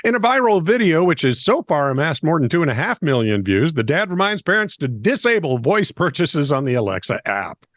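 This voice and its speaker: Man, co-host, joking news reader, animated pitch, dry close mic. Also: fairly quick, hardly any pauses, dry recording. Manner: jokey, lively, reads stories with wry asides. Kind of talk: comedic news banter.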